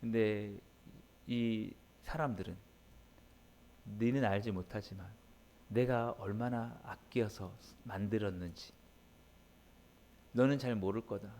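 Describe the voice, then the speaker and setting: A man's voice: lowish voice, fairly even intonation, slow pace, pauses often, warm tone, a little hiss or hum. A man preaching an early-morning sermon as pastor. He speaks emphatically in a conversational way, often turning to address the congregation directly.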